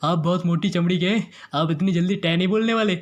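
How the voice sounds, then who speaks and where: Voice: mid-range voice, quick pace, slight background noise, close to an everyday voice. A performer voicing a sly young man posing as a doctor who teases his patient with a chuckle in a comedy audio serial. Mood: smooth. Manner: mocking, chuckling, smooth-talking.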